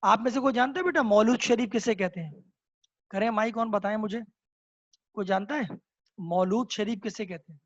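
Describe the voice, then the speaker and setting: A man's voice: high-pitched, long pauses, fairly bright tone, dry recording. Male teacher, online class, explanatory and checks in often, dry and somewhat lo-fi call audio. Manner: explanatory, keeps checking with students; mixes English words into speech.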